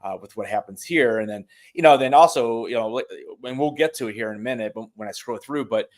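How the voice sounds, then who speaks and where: A man's voice: medium pitch, brisk. A man hosting a live TV review, thinking aloud tentatively in casual chat.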